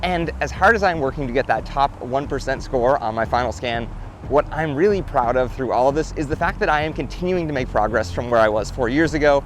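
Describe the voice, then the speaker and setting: Young guy doing a scripted voiceover for his fitness vlog, upbeat and matter-of-fact, ordinary mid pitch, faint music behind. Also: animated, brisk. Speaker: fitness vlogger. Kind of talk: scripted voice-over narration.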